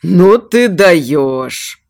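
A brash young student, a lanky blond lad with a low, loud, teasing voice that rises and falls a lot, as a woman acts him out in an audiobook. He sounds cocky and amused. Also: very animated, moderate pace. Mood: mocking. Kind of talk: audiobook character voice.

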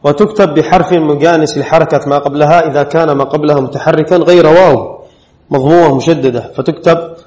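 A man's voice: fairly high pitch, fairly even intonation, a little fast, a little mellow. Questioning man teaching a class. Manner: quizzes students with frequent questions; reads a rule text aloud, then explains. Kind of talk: classroom lesson on Arabic spelling rules. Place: classroom at an Islamic studies center.

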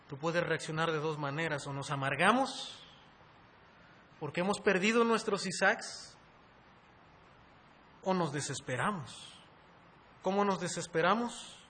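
High, bright-voiced man preaching a sermon. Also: slight background noise. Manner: rising to loud, high-pitched emphasis, addresses listeners as brothers.

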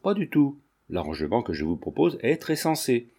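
A man reading the part of a self-assured, flirtatious gentleman, bold and insistent. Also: mid-range voice, very animated, normal speed, breathy edge.

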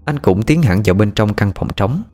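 A man with a very deep voice narrates a ghost story, and his pitch moves a lot as he builds suspense. Faint background music runs under his reading. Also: expressive, normal speed, mellow.

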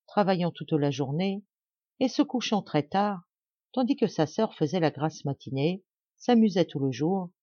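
A woman narrating a fairy tale as an audiobook reader, in a clear, measured way. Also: on the low side, warm tone, no echo, lo-fi sound. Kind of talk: storybook narration.

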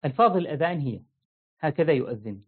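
A man's voice: on the high side, animated, quick pace, breathy edge. A man giving an informal religious lesson, explaining plainly and demonstrating how phrases are chanted. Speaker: religious teacher. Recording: phone-like narrow audio.

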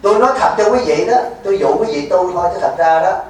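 A man's voice: sits high, expressive, fast, a crowd in the background. A man, a Buddhist monk giving a folksy dharma talk at a retreat, teasing and quizzing his listeners. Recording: echoey hall, mic far off, faint noise.

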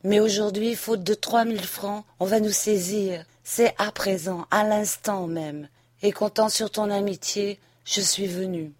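A woman reading an audiobook and voicing a passionate young wife who pleads and then reproaches, a little higher and louder than her narration. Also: steady tone, a little slow, no echo, natural voice. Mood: urgent. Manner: impassioned, rising to reproach. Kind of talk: audiobook reading of a classic novel.

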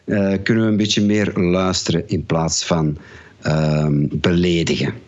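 A man from Kalmthout with an Antwerp Flemish accent, chatting casually and haltingly with many fillers as podcast co-host. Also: deep voice, steady tone, a little mellow, highs cut off. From Kalmthout, Belgium. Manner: rambling, hesitant, many fillers. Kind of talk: casual chat.

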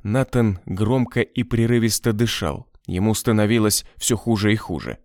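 A man narrating an audiobook in an expressive, scripted manner. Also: fairly low pitch, moderate pace, dry recording, studio quality.

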